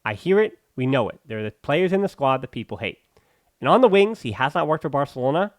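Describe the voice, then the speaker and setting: A man's voice: medium pitch, sing-song, fast talker, dry recording. A man hosting a football podcast, giving emphatic, opinionated analysis with sarcastic asides and bursts of ranting. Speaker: podcast host.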